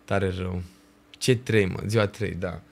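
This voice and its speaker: A man's voice: deep voice, creaky, slight background noise. A young man, chatting casually on a livestream and ranking festival shows, full of slang and swearing. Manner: animated ranting with slang and swearing.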